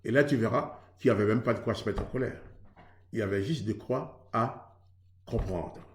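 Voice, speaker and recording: A man's voice: on the low side, normal speed, roomy sound. A man from Haiti preaching earnestly on marriage, in a conversational way that acts out both sides of a couple's exchange. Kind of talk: sermon on marriage.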